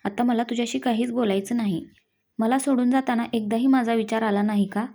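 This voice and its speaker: A woman's voice: a little high, steady tone, a little fast, dark tone. A woman voicing an angry young husband, curt and irritated, in a read-aloud story. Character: angry young husband, brooding and short-tempered.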